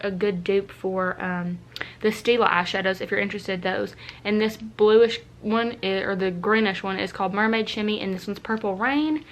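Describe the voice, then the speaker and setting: Brief: young woman, beauty vlogger, congested, rambling chat, medium pitch, faint hiss behind. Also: a bit bright. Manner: chatty and rambling, many fillers. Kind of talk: casual makeup tutorial chat. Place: home room, indoors.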